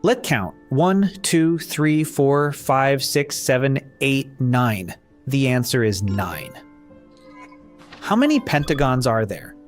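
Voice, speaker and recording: A man leading a counting lesson for young children, asking how many shapes there are and counting them aloud one by one. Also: medium pitch. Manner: slow, sing-song counting with questions and answers. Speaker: children's math teacher. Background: faint background music.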